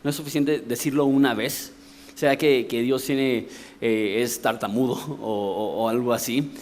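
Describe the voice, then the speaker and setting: Speaking from the pulpit with a steady, slightly mellow medium-pitched voice, a Mexican pastor preaches at a measured pace. He has a Mexican Spanish accent and explains things conversationally, throwing in rhetorical questions.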